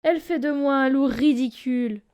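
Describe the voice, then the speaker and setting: A woman's voice: normal speed, a little mellow, lightly acted. A woman voicing a timid, crybaby male wolf who wails and whines. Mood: whining. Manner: high whiny wailing.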